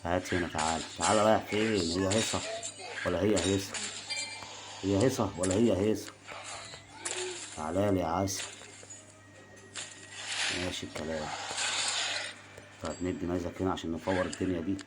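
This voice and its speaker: A man with an Egyptian Arabic accent giving casual gameplay commentary, chatty and coaxing, teasing his opponent, with bursts of excitement. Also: low-pitched, fairly quick, long pauses, very noisy. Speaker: gaming video host. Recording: game music behind the voice.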